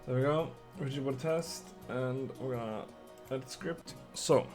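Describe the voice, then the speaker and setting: A man's voice: medium pitch, moderate pace, faint music behind. A young man from Sweden with a Swedish accent, chatting casually with viewers and muttering to himself while he codes a game on a live stream.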